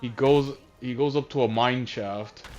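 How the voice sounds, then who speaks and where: A man talking casually over voice chat, rambling through an exasperated rant full of restarts and swearing. His pitch sits in an ordinary middle range. The audio is dull and lo-fi, like cheap console chat. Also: steady tone, measured pace, a little mellow, soft background music. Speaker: streamer. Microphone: voice chat headset.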